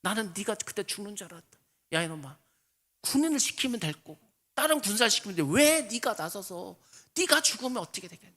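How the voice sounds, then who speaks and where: A man's voice: sits high, big pitch swings, a little fast, bright, forceful tone, big-room sound, voice pushed up, heavily acted. A man voicing a stern older king who scolds his son in a sermon story out of hidden fear. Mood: anxious scolding. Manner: gruff scolding, then tender.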